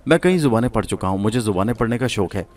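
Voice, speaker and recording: A man voicing a young, learned Egyptian hero in a spoken story, speaking calmly and unshakably. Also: lowish voice, natural voice. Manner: calm, unshakable.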